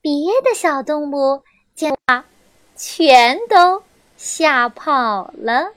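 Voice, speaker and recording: A young woman reading a children's story aloud, gentle and expressive, on a close mic. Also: sits high, drawn-out words, dry recording.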